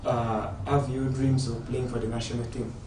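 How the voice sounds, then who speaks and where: A man from South Sudan, a footballer, answering interview questions in an earnest, steady way. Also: medium pitch, normal speed. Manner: earnest, steady, explaining at length. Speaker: footballer guest. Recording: echoey room, distant mic, ambient noise.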